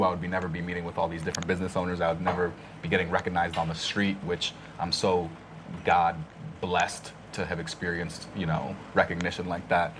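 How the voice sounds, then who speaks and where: Deep-voiced young man, earnest. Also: slight background noise. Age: 20s. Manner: earnest, reflective, storytelling with laughs. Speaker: podcast guest. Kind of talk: casual conversation.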